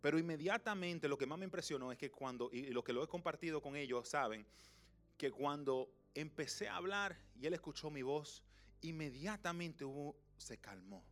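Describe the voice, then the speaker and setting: A young man preaching a sermon, telling a personal story and moving between loud passages and hushed, slow ones. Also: fairly high pitch. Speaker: pastor.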